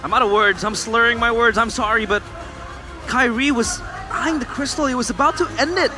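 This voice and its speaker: A man casting an esports match, excitable and breathless. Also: very high voice, fairly quick, music in the background. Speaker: esports caster. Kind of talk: play-by-play commentary.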